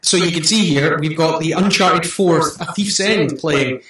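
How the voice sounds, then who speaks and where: Male host, bright, hesitant delivery, echoey room sound. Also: a little high, a little slow. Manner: rambling, lots of ums and restarts. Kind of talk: casual chat.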